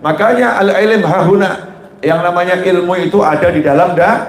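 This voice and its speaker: A man preaching a sermon in a lively storytelling way. He often breaks off mid-word and repeats it. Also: sits high, normal speed. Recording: echoey room.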